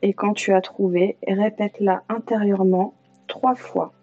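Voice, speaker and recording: A woman instructor leads a guided yoga nidra meditation in a calm, soothing, medium-pitched voice, leaving long pauses. Music plays behind her, and the recording sounds slightly dull and lo-fi.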